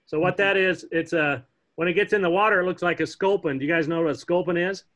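A middle-aged man teaching a casual online fly fishing class from home, chatty and relaxed, joking with the kids as he shows flies on a webcam. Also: high voice, fast talker. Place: home room, indoors. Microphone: laptop webcam on a video call. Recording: dull lo-fi video call audio.

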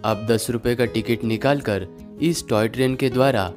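Plucked guitar music plays clearly under the whole clip as a male travel vlogger narrates a guide. His voice-over is steady and informative, pitched in the middle range and delivered at a moderate pace.

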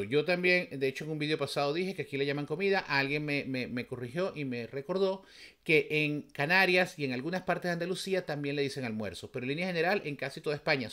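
A man's voice: on the high side, animated, fast talker, a bit bright. A man from Venezuela with a Venezuelan accent, giving casual, emphatic reaction commentary as a vlogger, full of rhetorical questions.

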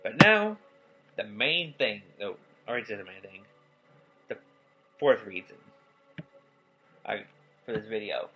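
A nineteen-year-old man giving a casual, rambling vlog update, tired and yawning, talking in halting stops and restarts. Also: lowish voice, sing-song, bright, forceful tone, faint music behind, low-quality recording. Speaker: gaming YouTuber. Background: faint game soundtrack.

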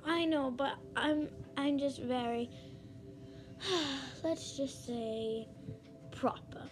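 A woman's voice: sits high, extremely slow, music in the background. Woman doing a prim, proper toy queen. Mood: hesitant.

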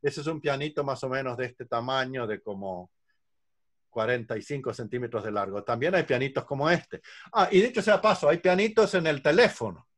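A man's voice: mid-range voice, a little fast. Older man patiently teaching singing. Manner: patient, explanatory, illustrates with counting and examples. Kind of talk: online lesson on singing. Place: home room with a bookcase. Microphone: video call.

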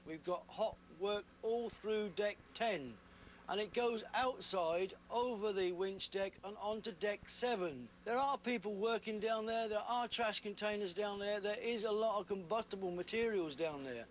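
A man's voice: sits high, normal speed, a little hiss or hum. A man as safety officer, stern and emphatic, briefing contractors in an indoor lounge meeting.

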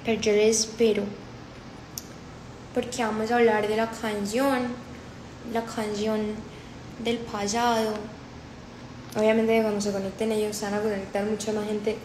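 Holding her phone close in an indoor room, a paisa-accented Colombian woman in her twenties livestreams, reading out comments in a chatty, repetitive way with bits of English. She has a medium pitch with little movement, speaking at a measured pace with long pauses. There's reverberation and background noise.

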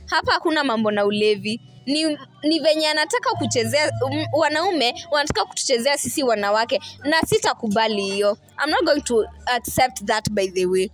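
A woman's voice: high voice, lively intonation, brisk, few pauses, soft background music. A woman in her twenties with a Kenyan accent, talking into a handheld mic in an insistent, defiant way during an outdoor interview. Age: 20s. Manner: defiant, insistent, repeats herself. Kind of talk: emotional street interview.

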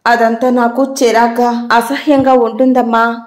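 A woman's voice: a little high, little pitch movement, measured pace, roomy sound, lightly acted. A woman voicing a timid, devoted young servant girl who speaks deferentially. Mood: pleading. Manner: pleading, deferential.

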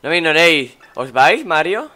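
A man from reading a trapped, frightened young man's lines in a slow, pleading, raised voice. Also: fairly high pitch, sing-song, bright, forceful tone, voice pushed up. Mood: plaintive.

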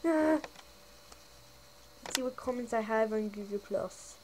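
A woman's voice: fairly high pitch, measured pace, background noise. A young woman hosting a casual vlog, reading viewer comments aloud and answering them in a chatty, giggly way. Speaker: channel host.

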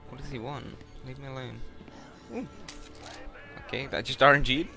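A man's voice: mid-range voice, steady tone, normal speed. A young man streaming a horror game, giving scared, jumpy live reactions full of swearing. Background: game music.

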